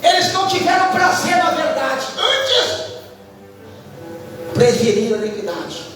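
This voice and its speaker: High-voiced fervent man preaching in echoey hall. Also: wildly swooping pitch, unhurried. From Brazil. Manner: fervent, rising to high shouts. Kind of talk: sermon. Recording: echoey hall, distant mic, music behind.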